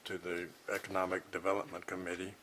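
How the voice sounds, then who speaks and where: A man chairing a town board meeting as mayor, reading agenda items and minutes in a flat, procedural manner. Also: low voice, fast talker, slight background noise, poor audio. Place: public meeting room.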